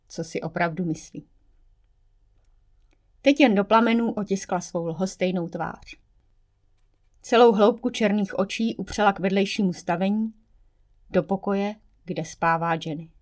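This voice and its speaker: A woman reading an audiobook aloud, a wry, expressive first-person narration as a male storyteller. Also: mid-range voice. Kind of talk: scripted narration.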